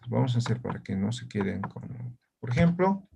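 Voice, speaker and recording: A man's voice: medium pitch, very animated, normal speed, gravelly, background noise. A man teaching an online language lesson, explaining step by step and often checking understanding with short tag questions.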